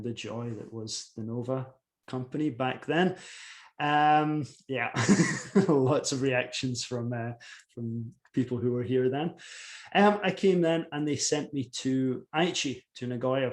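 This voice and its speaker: Scottish man, 40s, laid-back, self-mocking author speaking over a video call. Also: medium pitch. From Scotland. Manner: relaxed, self-deprecating, chatty. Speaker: author giving a lecture. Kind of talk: casual talk. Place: home office.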